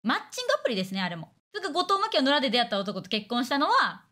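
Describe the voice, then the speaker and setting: Fast, lively Kansai-accented woman chatting. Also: high voice. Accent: Kansai Japanese. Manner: blunt, crude, fast banter with acted-out quotes. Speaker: streamer. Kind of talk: casual chat stream.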